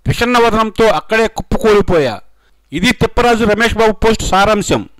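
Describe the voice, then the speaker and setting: Male news narrator, high-pitched, dry close-miked read, dramatic questioning delivery. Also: lively intonation, moderate pace, a bit bright, no echo, rough recording. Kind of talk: scripted voice-over narration.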